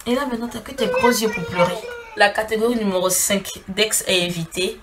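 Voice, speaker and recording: Animated woman giving casual relationship advice. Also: medium pitch, fairly quick, background noise. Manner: animated storyteller acting out little scenes; speaks directly to a female audience as "tu". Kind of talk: casual advice talk to camera.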